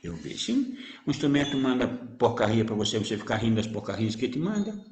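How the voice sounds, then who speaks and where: A man's voice: medium pitch, sing-song, fast, darkish tone, a little hiss or hum. A man giving informal spiritual teaching as a medium, teasing and chatty, full of rhetorical questions. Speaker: spiritist medium answering viewers. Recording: roomy echo.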